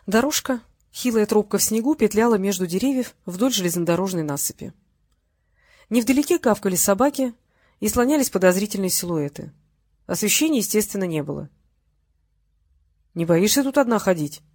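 A reader narrating a novel in an even, measured storytelling voice. The pitch sits mid-range. The recording is dry and close, with no room sound. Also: no echo. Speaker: audiobook reader. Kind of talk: scripted narration.

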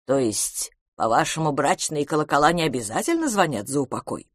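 A woman reading an audiobook, voicing a brash, self-assured young man who speaks low, firmly and deliberately. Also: big pitch swings, no room sound, clean studio sound.

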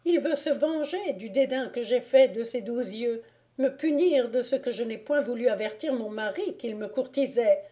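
Give me a shrill, indignant noblewoman from a storybook, read by a woman. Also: moderate pace, warm tone, natural voice. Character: jealous haughty bailiff's wife, adult woman.

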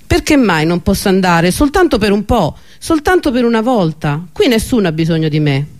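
A man's voice: high-pitched, very animated, moderate pace. A man reading an Italian novel aloud, voicing an eager young man who pleads to leave home. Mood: pleading.

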